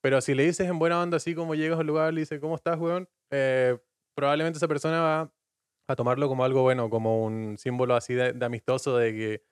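A man's voice: mid-range voice, steady tone, quick pace, clean tone, dry recording. A man in his twenties with a Chilean accent, a guest explaining slang in casual chat with playful examples. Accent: Chilean Spanish. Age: 20s.

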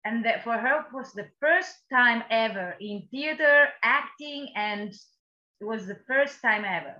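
A woman with an Italian accent chats in English as a guest, her voice bright and a touch high. She hunts for the right words now and then and laughs easily. Her sound comes through a dull, muffled remote line. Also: unhurried. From Italy. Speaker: guest, workshop co-leader. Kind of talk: casual conversation.

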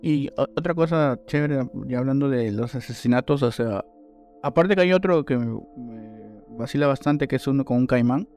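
A man's voice: mid-range voice, normal speed, faint music behind. A man chatting casually about a horror film, rambling with frequent restarts. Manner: relaxed, rambling, hesitant restarts. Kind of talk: casual film review chat.

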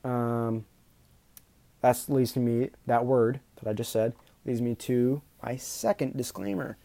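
Nervous, stammering young podcast host. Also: male voice, medium pitch, steady tone, unhurried, creaky, dark tone, no room sound. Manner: nervous, stumbling, many ums and restarts. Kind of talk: unscripted solo podcast talk.

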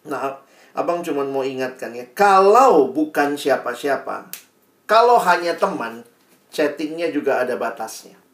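A man delivering a sermon to a youth audience, his voice rising and falling with lots of expression. He talks in a chatty, animated way. The sound is roomy and picked up from some distance. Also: fairly high pitch. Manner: lively, conversational, acts out teen questions. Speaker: youth speaker. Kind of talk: sermon to young people.

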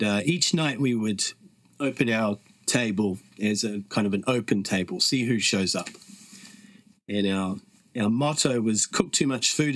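In a dry recording, a middle-aged man with a medium-pitched voice and a New Zealand accent tells casual stories as a podcast guest. He is earnest and reflective and leans on fillers often.

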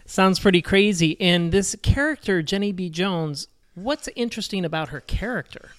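A male podcast host with a smooth, resonant voice, asking easy, encouraging questions in a casual interview. The sound is dry and close, with no room in it. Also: high voice, animated, normal speed, dry recording. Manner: gentle, encouraging questions to a child.

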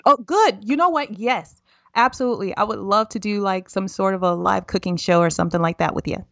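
A woman's voice: mid-range voice, brisk, creaky, fairly bright tone, no echo. A woman hosting a podcast interview, chatting in a playful, self-deprecating way. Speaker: podcast host. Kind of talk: casual interview chat.

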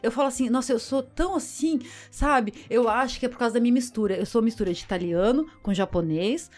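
Guest: young Brazilian woman, Brazilian Portuguese accent, rapid-fire and expressive, slightly high voice, faint music in the background. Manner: effusive, dramatic, gesturing storyteller. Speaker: zumba instructor, podcast guest. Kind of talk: casual podcast chat.

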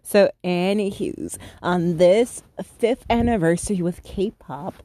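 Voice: mid-range voice, slow pace, dark tone, no echo. A thirty-year-old podcast host talking alone in a casual, rambling way and often stopping to correct themself. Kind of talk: casual solo podcast monologue.

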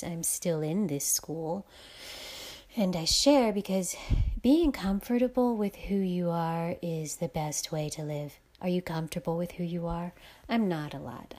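A woman hosts a podcast, speaking intimately and without a script in a musing, effusive way. Her lowish, warm voice is breathy and often sinks to a near-whisper.

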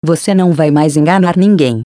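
A man's voice: a little high, a little fast, mellow, no room sound, clean studio sound, close to an everyday voice. A Brazilian narrator voicing a brave, curt man who fights a creature in an audiobook. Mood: urgent. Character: brave gruff man with a shotgun.

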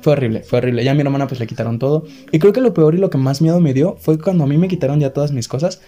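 A young man with a Mexican accent, telling a story in casual chat, animated and laughing nervously now and then. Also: fairly high pitch, racing, faint music behind. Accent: Mexican Spanish.

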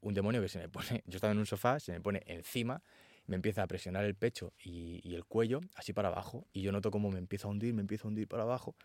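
Man, fairly low voice, animated storyteller, dry close sound. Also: very fast, no room sound. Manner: animated storytelling, acts out quotes. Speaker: actor guest. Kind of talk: casual interview chat.

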